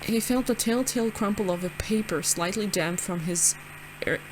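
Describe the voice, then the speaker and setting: A woman's voice: medium pitch, moderate pace, background noise. A young woman reading a visual novel aloud, casual and giggly, stumbling over words with side comments. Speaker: gaming channel host.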